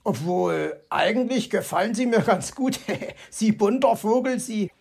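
A woman's voice: a little high, animated, a little slow, darkish tone, slightly rough, exaggerated voice. Herr Fuchs, a grumpy vain fox, voiced by a woman. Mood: smug. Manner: grumbling, easily outraged.

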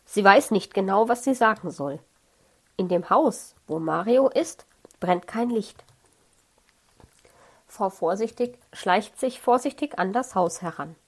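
A woman narrating a children's audiobook in a calm, measured reading voice. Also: medium pitch, husky. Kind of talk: scripted children's story narration.

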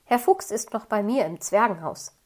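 Woman voicing kindly bear, calm, polite, caring, storybook. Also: medium pitch, normal speed, lightly acted. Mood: explaining.

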